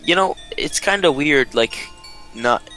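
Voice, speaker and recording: A man's voice: fairly high pitch, animated, measured pace, bright, forceful tone, soft background music, rough recording. A man co-hosting a casual podcast over a voice call. He rambles and fills his talk with "like". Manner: rambling, lots of "like". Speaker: podcast co-host. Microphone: voice-call mic.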